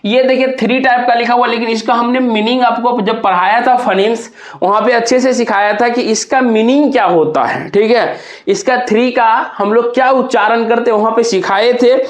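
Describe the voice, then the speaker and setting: High-voiced male tutor spelling words. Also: moderate pace, echoey room. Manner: explains step by step, spells words letter by letter; talks to students directly, asking and answering his own questions. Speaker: teacher. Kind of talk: exam prep lesson.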